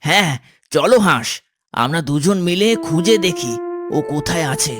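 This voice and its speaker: A man's voice: a little high, expressive, normal speed, over music, natural voice. A man voicing an eagle, a loyal friend who speaks in an urgent, earnest way. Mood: worried.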